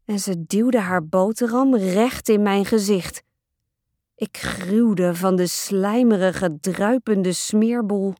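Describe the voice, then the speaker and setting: A woman reads a children's storybook aloud in an expressive first-person voice. She takes her time and never rushes. The recording is close and dry, with no room sound. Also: medium pitch, no echo. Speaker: audiobook narrator. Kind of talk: storybook reading.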